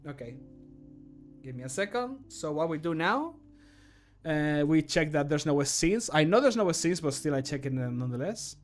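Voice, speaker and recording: Here a man is streaming while working, keeping the chat loose, jokey and full of swearing. He has a fairly high, very animated voice and a moderate pace; he's a streamer and amateur voice actor, and there's music in the background.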